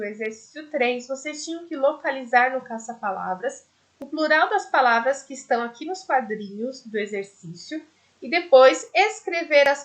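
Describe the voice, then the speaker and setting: A woman's voice: high voice, fairly bright tone. A woman teaching a primary school class in a recorded video lesson, with a Brazilian Portuguese accent, patiently explaining each step.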